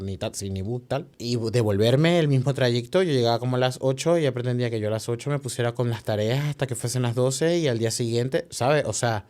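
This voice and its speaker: A young Venezuelan man with a fairly low voice recounts a hard stretch of his life as a podcast guest. He talks quickly and emotionally, restarting phrases and tossing in tag questions. His Venezuelan Spanish accent is clear throughout. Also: a little mellow. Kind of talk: telling a personal story in an interview.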